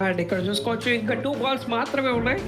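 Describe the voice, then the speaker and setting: A woman giving excited play-by-play cricket commentary, mixing in English terms. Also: on the high side, rapid-fire, music in the background. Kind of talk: cricket match commentary in Telugu mixed with English.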